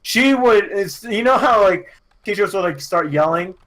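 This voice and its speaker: A man co-hosting a casual podcast chat, telling a school story with laughs, swearing and yelled impressions. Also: sits high, lively intonation, normal speed. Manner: laughing, swearing storyteller who mimics yelling. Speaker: podcast co-host.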